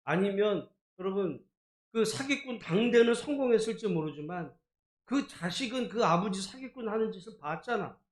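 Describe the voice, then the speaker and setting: A male pastor preaching a sermon in a conversational way, firing rhetorical questions and swinging between soft asides and loud emphasis. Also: high voice, animated, moderate pace. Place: church sanctuary. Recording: echoey church hall.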